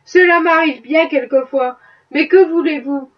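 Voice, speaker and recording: A woman reading the part of a sardonic middle-aged Southern gentleman, arguing in an ironic, worldly way. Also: high voice. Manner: ironic, worldly, unhurried argument. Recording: dull, distant-sounding audiobook recording.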